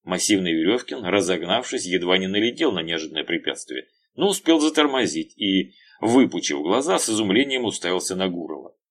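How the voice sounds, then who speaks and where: A man narrating an audiobook in a lively, expressive reading. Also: sits low, a little fast, hardly any pauses. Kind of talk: scripted narration.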